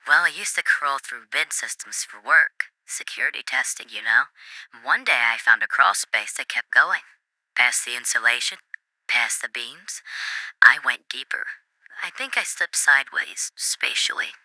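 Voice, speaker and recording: A woman playing an eerily serene wall-dwelling caller in an ASMR role-play, with a nervous, hushed, confessional manner on a comedy radio show. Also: very deep voice, lively intonation, unhurried, dry recording, full character voice, poor audio. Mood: hushed, eerie calm. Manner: nervous, hushed soft-spoken like a late-night confession. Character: creepy, serene woman living inside house walls.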